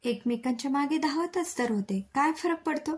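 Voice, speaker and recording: A woman voicing a caring middle-aged mother and wife in a storybook reading, with a breathy voice. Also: high voice, lively intonation, normal speed, voice pushed up. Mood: coaxing.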